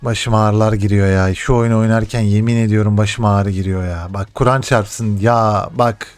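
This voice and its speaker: A young man playing a football video game, commenting live, often cursing and yelling at the game. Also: fairly low pitch, steady tone, moderate pace, clean tone, soft background music. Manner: frustrated swearing, shouts at the game. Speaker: gaming streamer.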